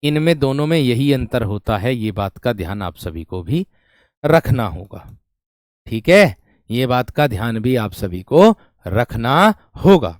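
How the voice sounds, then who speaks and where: A man's voice: mid-range voice, sing-song, a little slow, no echo, studio quality. A man teaching grammar in an online exam-prep class, explaining step by step and repeating each question to his students.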